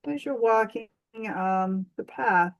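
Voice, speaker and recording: Using a mid-range voice, a woman gently guides a meditation at an unhurried pace. Her tone is soothing, and long pauses fall between phrases.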